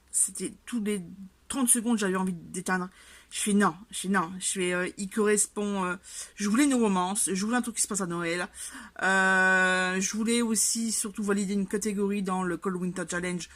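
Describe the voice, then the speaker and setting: A woman talks to her viewers in a loose, rambling way, full of hesitations and self-corrections. She gets animated and exasperated as she goes, and her voice sits at an ordinary middle pitch. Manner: chatty and rambling, with many fillers and restarts; exasperated and animated about the subject. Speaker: vlogger. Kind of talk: casual chat.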